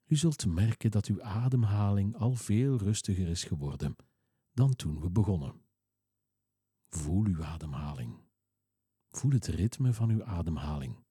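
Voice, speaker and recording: A man leads a relaxation exercise, his low voice slow and soothing. The tone is dark and very husky. The recording is close and dry, with no room sound. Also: no room sound. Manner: slow, soothing, calm instructions. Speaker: relaxation guide. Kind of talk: guided relaxation script.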